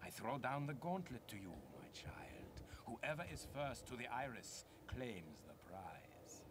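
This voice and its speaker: An actor playing an older male archaeologist mentor in a video game, proud and competitive, with a slow, deliberate, partly hushed delivery. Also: mid-range voice, expressive, background noise. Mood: challenging. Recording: game cutscene under loud ambience.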